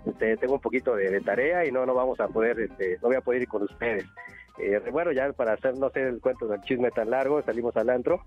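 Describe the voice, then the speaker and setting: Man, Mexican accent, caller heard over a dull telephone line, rambling, chuckling, mid-pitched voice. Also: brisk, faint music behind. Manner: rambling, often tags "¿no?" and chuckles. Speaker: radio call-in caller. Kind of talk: casual phone chat, telling gossip. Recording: dull, muffled phone line.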